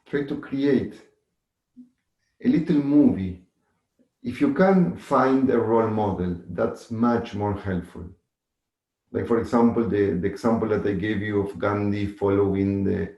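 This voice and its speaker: Guy doing guided meditation, really slow and mellow, roomy echo. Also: lowish voice, muffled recording. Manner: measured, instructive, with long pauses and gentle repetition. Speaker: meditation teacher. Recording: echoey room.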